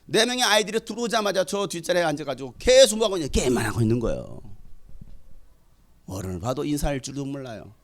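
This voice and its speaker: A middle-aged man preaching a sermon in a high, highly animated voice. He moves from conversational storytelling to fervent, loud exhortation, his pitch leaping up and down. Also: quick pace. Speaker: pastor.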